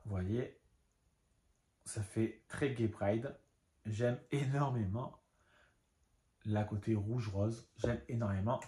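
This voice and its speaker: A man's voice: medium pitch, mellow, echoey room. A man casually showing his craft supplies in a home vlog, chatty and rambling with many fillers and asides. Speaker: craft vlogger. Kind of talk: casual show-and-tell vlog.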